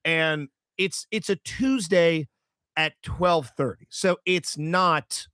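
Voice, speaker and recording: Male podcast host, animated comic storyteller with crude humor, slightly high voice, dry close mic. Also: takes it slowly, clean tone, no room sound. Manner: animated, crude jokes, acts out quotes. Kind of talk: casual comedic storytelling.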